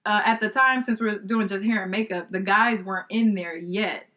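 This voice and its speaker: Animated woman telling a story. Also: mid-range voice, normal speed. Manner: animated, acts out quoted voices, laughs often. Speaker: podcast guest. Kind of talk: casual storytelling.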